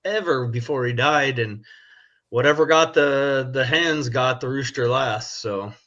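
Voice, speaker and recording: Podcast co-host, man, crisp bright voice, relaxed halting delivery, muffled lo-fi audio. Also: medium pitch. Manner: easygoing, halting with fillers. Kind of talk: casual chat. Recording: dull lo-fi sound.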